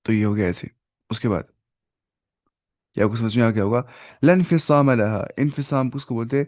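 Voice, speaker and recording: Man, Quran teacher, explanatory lesson, self-questioning, mixes in English words, slow recitation. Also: medium pitch, darkish tone. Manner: explains word meanings, asks and answers his own questions; recites Arabic phrases slowly.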